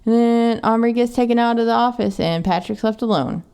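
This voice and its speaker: A woman from Texas, chatting through a book recap in a casual podcast. Her voice is mellow and dark, and she swears freely and sarcastically. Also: a little high, fairly quick, vocal fry, smooth. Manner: profane, sarcastic. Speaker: podcast co-host.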